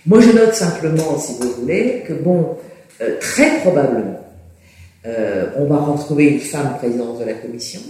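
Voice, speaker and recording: A man's voice: fairly high pitch, lively intonation, normal speed, mellow. Hesitant man, distant and echoey. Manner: hesitant, many fillers and restarts. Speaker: political commentator. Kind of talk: interview answer, analytical.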